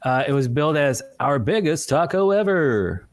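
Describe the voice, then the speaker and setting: A man's voice: on the high side, big pitch swings, moderate pace, no room sound. A man co-hosting a live talk show, chatting casually and reading through a list with joking asides. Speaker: podcast co-host.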